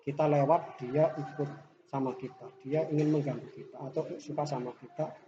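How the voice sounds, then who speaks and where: A man's voice: on the high side, fairly even intonation, normal speed. Man, clinic therapist, explanatory and hesitant, muffled lo-fi sound. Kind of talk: casual interview answers. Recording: dull lo-fi audio with background noise.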